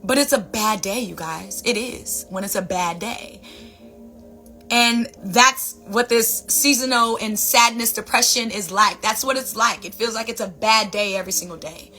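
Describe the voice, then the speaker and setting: Soft music plays behind a woman speaking at a moderate pace in a medium-pitched, pushed, bright voice. On her own vlog she delivers casual motivational talk to camera as a wellness speaker, calling viewers "baby" and "you guys" and repeating phrases for emphasis.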